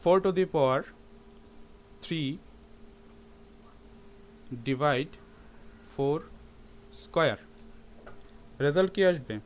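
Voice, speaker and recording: A man's voice: on the high side, extremely slow, long pauses. Guy teaching math, keeps asking yes or no, light hiss behind. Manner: asks students rhetorical questions, mixes English terms. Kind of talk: classroom lecture.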